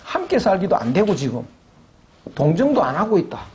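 A man's voice: high-pitched, a little fast. Older guy lecturing, voice swoops up and down a lot, acts out quotes. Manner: animated, acts out quoted voices, asks rhetorical questions. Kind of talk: academic lecture.

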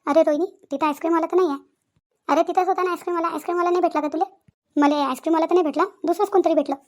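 A woman's voice: extremely high pitch, fairly even intonation, very fast, darkish tone. A woman voicing a chatty young sister-in-law in a village cartoon, bickering and confronting.

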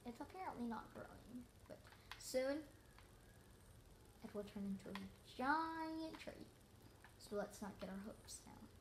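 A high-voiced teenage girl rambles cheerfully through a tour of her game base, filler words everywhere. Her voice rings a little in a roomy living room, caught on a phone with a faint hiss behind it. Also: lively intonation, a little slow, long pauses. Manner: chatty, rambling, lots of "like" and "so". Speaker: gamer giving a house tour.

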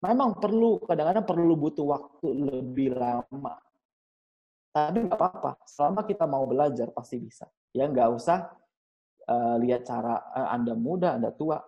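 A man's voice: on the high side, lively intonation, moderate pace, mellow, dull audio. A young man giving a casual motivational seminar talk to a live audience, joking and asking the room questions. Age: young adult. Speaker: seminar speaker.

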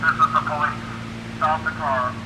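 An actor voicing a male police officer calling loud, flat, commanding orders through a bullhorn loudspeaker in a video game. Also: on the high side, normal speed, heavy background noise.

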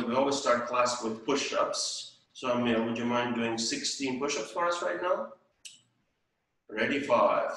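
A man's voice: medium pitch, a bit bright. An older man, teaching a ballet class at home and counting out the beat. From Estonia. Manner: counts rhythmically and sings out the beat. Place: home room with tiled floor. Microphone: far camera. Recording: echoey room from far off.

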